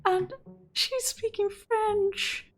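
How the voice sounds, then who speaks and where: A woman's voice: very high voice, steady tone, very slow, soft background music. A young woman commenting on a game she plays, reading its text aloud and reacting with delight. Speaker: gaming channel host.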